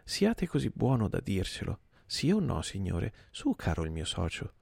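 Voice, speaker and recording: A man's voice: lowish voice, wildly swooping pitch, moderate pace, gravelly, a little mellow, husky, no echo, exaggerated voice. A man voicing a fawning, hypocritical male clerk who speaks with insolent, oily humility. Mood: insinuating. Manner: oily, falsely humble.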